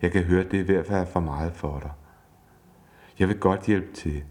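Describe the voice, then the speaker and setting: A man's voice: low voice, close to an everyday voice. A man doing a patient, soothing husband. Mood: calm, patient. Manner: calm, soothing, deliberate. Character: patient husband calmly trying to listen.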